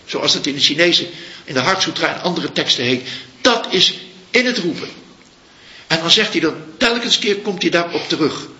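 Bright-voiced man giving a reflective dharma talk. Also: a little high. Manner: slow, searching, pauses to find words. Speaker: Buddhist teacher. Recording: echoey room, dull lo-fi sound.

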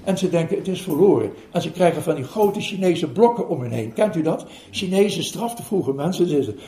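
A man's voice: on the high side, expressive, a little fast, warm tone. An older man, telling a story to an audience as a meditation teacher, chuckling and hesitating with fillers as he goes. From Netherlands. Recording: roomy hall recording.

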